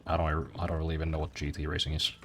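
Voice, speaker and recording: A man's voice: a bass voice, monotone, rapid-fire, a bit bright, a little hiss or hum. A man streaming a video game and chatting casually, rambling with many repeats and fillers. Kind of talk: casual gaming commentary.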